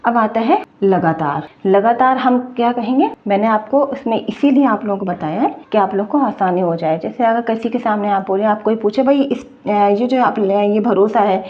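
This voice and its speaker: A woman teaching an online Urdu lesson, patiently repeating words slowly, with many fillers. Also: medium pitch, lo-fi sound.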